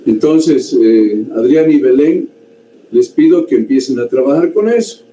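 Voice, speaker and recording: A man's voice: mid-range voice, animated, a little slow, warm tone. A man teaching a medical class, lecturing conversationally and often checking in with his students. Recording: echoey room with faint ambient noise.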